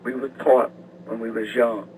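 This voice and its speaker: An older man calling in to a radio show, talking in a halting, rambling way and repeating words. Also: medium pitch, level tone, darkish tone. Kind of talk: rambling live radio call-in. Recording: distant, noisy phone call to radio.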